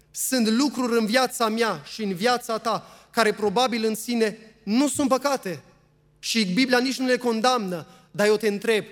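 A man preaching a sermon in a church, reading scripture aloud and earnestly putting questions to the congregation. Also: very high voice. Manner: reads scripture aloud at length. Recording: long hall reverb.

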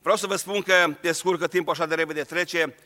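A man's voice: on the high side, steady tone, pushed and bright, long reverb tail. A man preaching a sermon, speaking earnestly and straight to his congregation. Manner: earnest, addresses the congregation directly.

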